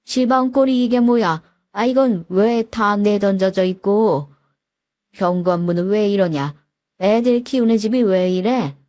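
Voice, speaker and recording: A woman voicing a blunt, worried father in his seventies who talks in a gruff, scolding way. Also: medium pitch, unhurried, warm tone, dry recording, studio quality, natural voice. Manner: gruff, scolding, plain-spoken.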